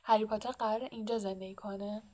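A woman's voice: mid-range voice, fairly even intonation, darkish tone, natural voice. A woman voicing a stern, anxious older female witch professor in an audiobook, talking earnestly and pressing with questions. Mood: protesting. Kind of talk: audiobook character reading.

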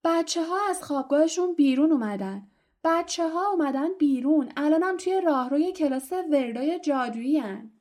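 A woman's voice: high-pitched, animated, darkish tone, pitched above the performer's own voice. A woman voicing a spiteful male poltergeist who cackles and taunts. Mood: taunting. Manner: cackling, taunting, sing-song.

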